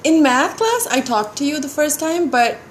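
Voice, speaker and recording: A woman's voice: high voice, very animated, moderate pace, a little hiss or hum. A young woman from India, chatting casually with her husband and teasing him. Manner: chatty, teasing, laughs often. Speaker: co-host of a couple's livestream. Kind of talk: casual chat.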